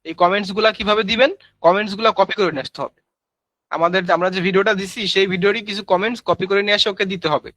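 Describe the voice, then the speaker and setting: A man's voice: high-pitched, steady tone, very fast, fairly bright tone, no room sound, poor audio. A man teaching a live screen-share tutorial, chatty, calling viewers brother and using many fillers. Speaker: online course instructor.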